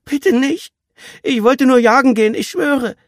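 Frightened teen boy, sobbing, begging, very high strained voice, storybook. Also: a little slow, dry recording, studio quality. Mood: panicked pleading. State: sobbing, pleading. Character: terrified red-haired teenage boy captive.

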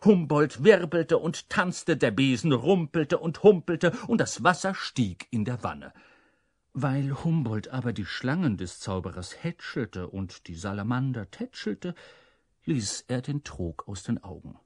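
A man reading a children's story aloud in a playful, animated way. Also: medium pitch, measured pace, no room sound, studio quality. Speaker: narrator.

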